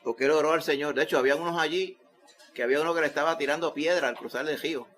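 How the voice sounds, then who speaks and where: A male pastor with a Puerto Rican accent delivers a Sunday sermon. His voice sits a touch higher than most men's, and he preaches emphatically, surging louder when he quotes scripture. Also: rapid-fire. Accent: Puerto Rican Spanish.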